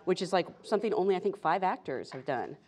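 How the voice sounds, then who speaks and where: A woman's voice: fairly low pitch, expressive, quick pace, a little mellow. A woman as host, asking the cast questions and often laughing. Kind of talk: interview questions.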